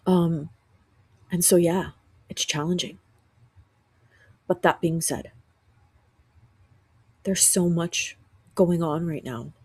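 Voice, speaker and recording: A woman podcast host, sick and rough-voiced, talking earnestly from her couch at home in a reflective spiritual monologue with frequent restarts. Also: fairly low pitch, steady tone, takes it slowly, pauses often, warm tone, dry recording.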